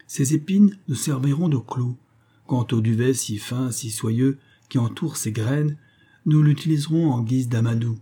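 A man voicing a calm, fatherly castaway leader who speaks in a measured, earnest and kindly way, in an audiobook. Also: medium pitch, slightly rough.

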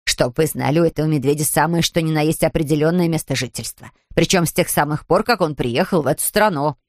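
Woman reading as a formidable older housekeeper, low, firm and indignant. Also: fast, no echo, studio quality, lightly acted. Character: stern older housekeeper, Mrs Bird.

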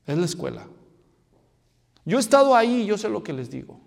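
High-voiced man preaching in an echoing hall. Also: big pitch swings, brisk, gravelly. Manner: dramatic, acts out Bible scenes, swings from soft to loud. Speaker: pastor. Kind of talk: sermon. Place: church hall.

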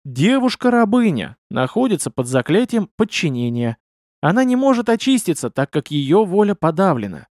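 A man voicing a calm male companion who patiently explains things, in an audiobook. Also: high voice, moderate pace, no echo, studio quality. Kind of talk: audiobook character voice.

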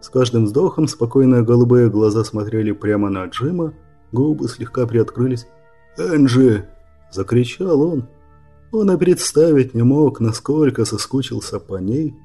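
A man narrating a fantasy audiobook in a steady, measured read, his voice husky. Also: mid-range voice, faint music behind. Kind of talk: scripted narration.

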